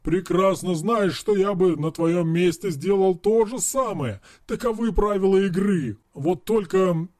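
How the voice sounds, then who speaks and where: A man voicing a brash, excitable young man who yells and swears at his best friend, read as an audiobook character. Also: high voice, unhurried, no echo, studio quality. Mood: serious. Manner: yelling, swearing, mocking.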